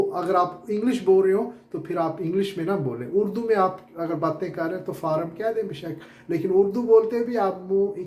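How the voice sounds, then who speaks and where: A man teaching English syllables in Urdu, repeating words slowly to correct common mistakes. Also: sits high, dark tone, echoey room. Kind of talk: classroom lesson on pronunciation. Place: classroom with whiteboard.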